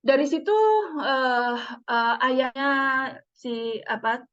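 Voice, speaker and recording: A woman's voice: fairly high pitch, slow pace, smooth. A middle-aged woman psychologist, telling stories in a parenting seminar and acting out the dialogue. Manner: animated, acts out quoted dialogue. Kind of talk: storytelling seminar talk. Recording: dull muffled lo-fi sound.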